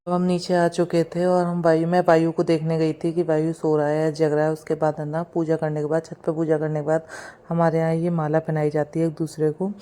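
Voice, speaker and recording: A woman's voice: sits low, monotone, fairly quick, warm tone. A woman vlogger in a casual voice-over, chatting along and retelling what happened, with playful quotes of what people said.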